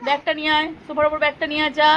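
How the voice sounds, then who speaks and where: A woman's voice: high-pitched, completely flat delivery, racing, fairly bright tone, muffled recording, a little hiss or hum. A mother at home filming her small child, talking to him playfully with lots of exclamations and fond scolding. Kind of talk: casual home video chat with a child. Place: at home, indoors.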